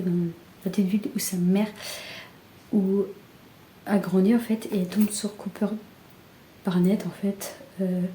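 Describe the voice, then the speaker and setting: A young woman chatting casually about books in a soft, often half-whispered voice, with many fillers. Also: medium pitch. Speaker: book vlogger. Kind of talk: casual book haul chat. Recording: echoey room with faint background hiss.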